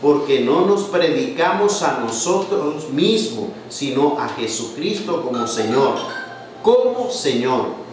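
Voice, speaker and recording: A man's voice: mid-range voice, sing-song, slow pace. A man preaching a sermon, reading scripture aloud and explaining it, asking questions for the congregation to answer. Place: church hall. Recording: echoey hall, from far off, faint noise.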